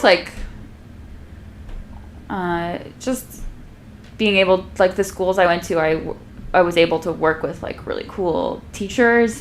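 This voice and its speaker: Young woman podcast guest, lowish voice, rambling and laugh-prone. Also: a little hiss or hum. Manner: rambling, many fillers and restarts, laughs often. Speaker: podcast guest, violist and comedian. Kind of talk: casual interview chat.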